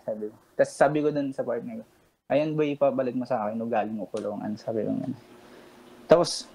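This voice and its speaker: The caller, a Pampanga man in his twenties, tells a late-night radio host about a confrontation, staying calm and polite while quoting what others said. His voice is mid-range and the audio quality is poor.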